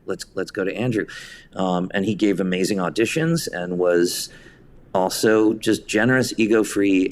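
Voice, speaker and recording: A theatre director, appearing as a podcast guest, tells casual anecdotes with enthusiastic, effusive energy. His voice is on the low side. There's slight background noise.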